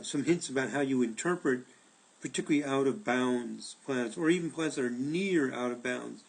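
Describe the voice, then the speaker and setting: A man's voice: medium pitch, gravelly, a little mellow, low-quality recording. A man giving an informal tutorial on astronomy for astrologers, rambling with many fillers and restarts, his voice a little worn as he loses it. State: losing his voice. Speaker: astrology teacher. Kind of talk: informal screen-recorded tutorial.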